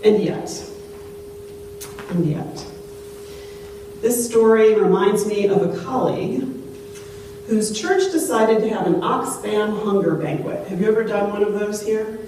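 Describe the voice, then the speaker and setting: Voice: medium pitch, measured pace, long pauses, warm tone. A pastor giving a sermon through a pulpit microphone in a church, telling a story in a conversational way and putting questions to the congregation. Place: church sanctuary. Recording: very echoey church, distant mic, faint hum.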